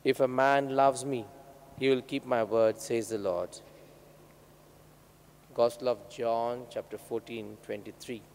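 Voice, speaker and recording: Priest, gravelly, measured phrases, cathedral echo in a large church with soft background hiss. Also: male voice, medium pitch, fairly even intonation. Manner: measured, delivered in short phrases with pauses. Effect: cathedral echo, long church reverb. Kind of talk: Mass gospel reading and homily. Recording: reverberant church hall, faint background noise.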